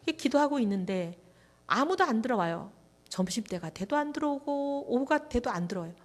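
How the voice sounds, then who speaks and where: A woman's voice: a little high, a little fast. A middle-aged woman speaking as a guest at a church revival meeting, telling a testimony and acting out prayers and conversations. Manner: animated storytelling, acting out prayers and dialogue. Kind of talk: testimony sermon.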